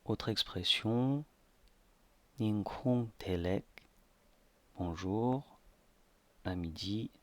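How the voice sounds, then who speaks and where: A man narrating a slideshow language lesson slowly, with many hesitations. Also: lowish voice, fairly bright tone, dry recording. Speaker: language teacher.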